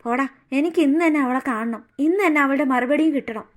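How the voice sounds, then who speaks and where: A woman's voice: high-pitched, quick pace, natural voice. A woman voicing a headstrong young man in a cartoon, brusque and impatient.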